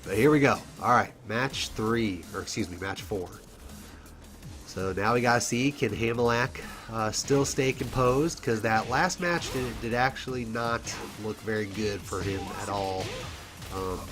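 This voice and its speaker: A man's voice: on the low side, unhurried, fairly bright tone. A man doing casual solo play-by-play for a fighting game tournament, stuffed up from a cold, chatty and full of fillers and little laughs. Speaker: esports commentator. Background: game music.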